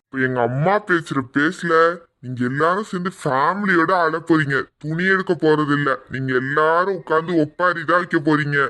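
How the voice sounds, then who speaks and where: Man as a protective husband, fairly high voice, earnest and indignant, family skit. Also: normal speed, bright, forceful tone.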